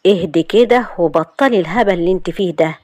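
A woman's voice: on the low side, fast talker, a little mellow, no room sound, lightly acted. A woman reading as a cool, teasing young husband. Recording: dry close recording.

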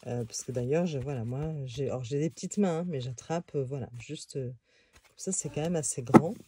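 A woman's voice: extremely low pitch, moderate pace, warm tone, a little hiss or hum. A woman casually reviewing a tarot deck on video, talking in a hesitant way with many fillers and restarts.

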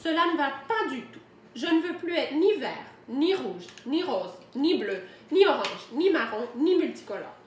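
A woman's voice: a little high, animated, unhurried, a bit bright, reverberant, a little hiss or hum. A woman doing a fussy big wolf. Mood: dismayed. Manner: exclaiming, dramatic complaints.

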